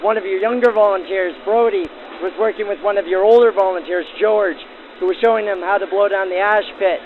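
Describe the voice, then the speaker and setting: Presenting like a 1940s radio reporter, this male host and interviewer offers scripted narration and field interviews backdated to 1940s radio. His voice sits high with fairly even intonation, a little fast. The audio is band-limited in 1940s style, narrow and tinny, with slight hiss or hum.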